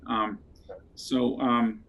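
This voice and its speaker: A man plays a tabletop game, thinking out loud with frequent pauses and fillers. His voice sits at an ordinary middle pitch. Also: flat delivery, creaky. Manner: hesitant, many fillers. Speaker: player. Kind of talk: tabletop game play, casual chat.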